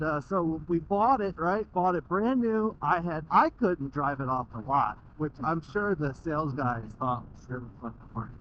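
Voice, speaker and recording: A man's voice: sits high, slight background noise. A young American man motovlogging from inside a motorcycle helmet, chatting casually and bluntly in informal, sweary language. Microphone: microphone inside the helmet. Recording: muffled, dull helmet mic.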